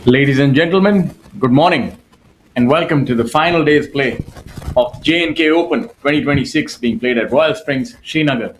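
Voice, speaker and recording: A man's voice: medium pitch, normal speed, low-quality recording. Man, studio golf host, flowery showman delivery, faint background hum. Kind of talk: live golf broadcast presenting.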